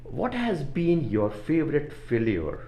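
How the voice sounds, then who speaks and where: A man's voice: on the high side, wildly swooping pitch, unhurried, warm tone, reverberant, a little hiss or hum. A man hosting an interview as a leadership coach, upbeat and enthusiastic as he asks his questions.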